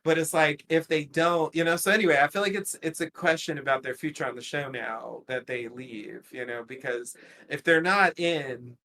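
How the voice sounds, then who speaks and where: A man co-hosting a casual podcast, recapping a TV episode with frequent laughs and lively quoted lines. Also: fairly high pitch, normal speed, a little hiss or hum. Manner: animated, laughs often, quotes characters in lively voices.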